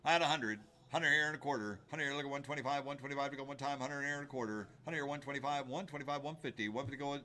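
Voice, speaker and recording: Bright-voiced man doing an auctioneer chant. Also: mid-range voice, rapid-fire, few pauses. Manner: sing-song repetition of numbers. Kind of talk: rapid rhythmic auctioneer chant, repeating bids.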